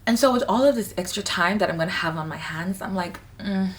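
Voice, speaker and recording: A woman in her late twenties talks to camera in a candid, chatty and emphatic way. Her voice sits a little low. It sounds a bit distant from the mic, as if recorded at home. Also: quick pace. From Saint Vincent and the Grenadines. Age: late 20s. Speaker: vlogger. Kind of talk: casual talk to camera. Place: home in Hong Kong, bathroom.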